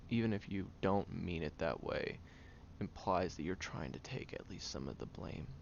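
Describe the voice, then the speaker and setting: In an intimate audio roleplay, a man heavily acts as a guarded, prickly young tsundere looking after a sick friend. His low-pitched, creaky voice is often hushed and halting, stern yet caring, and the audio is dull with slight background noise.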